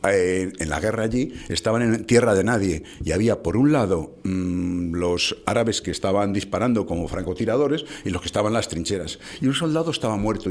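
A man, telling local history anecdotes in conversation, halting with many restarts. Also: fairly low pitch, darkish tone. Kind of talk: conversational storytelling.

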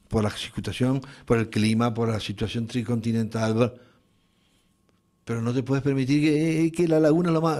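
A man's voice: medium pitch, mellow. Emphatic Canarian man debating on radio. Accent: Canarian Spanish. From Canary Islands. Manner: emphatic, repeats points, interrupts. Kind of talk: heated radio round-table debate.

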